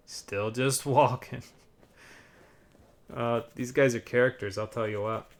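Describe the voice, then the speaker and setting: A man's voice: medium pitch, steady tone, slow. A man giving casual, rambling live commentary on a video game with wry asides.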